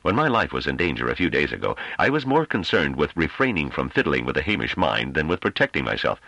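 Male reader as grave sardonic councillor, low voice, varied intonation, dry close sound. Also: sing-song, fast, gravelly, pushed and bright, no echo, full character voice, poor audio. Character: calm sardonic male councillor defending himself.

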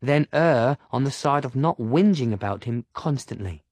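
A man's voice: mid-range voice, lively intonation, darkish tone, no room sound, pitched above the performer's own voice, close to an everyday voice. A man voicing a young female student who lectures and lays down rules, reading an audiobook. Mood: bossy. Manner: brisk, lecturing, sets rules. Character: young woman student, bossy and exacting.

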